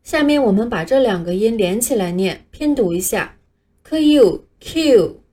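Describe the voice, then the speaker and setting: A woman teaching English letters, speaking patiently and clearly in a scripted lesson, with Chinese as her first language. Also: mid-range voice, animated, normal speed, dark tone. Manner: patient, clear, modeling pronunciation for learners to repeat.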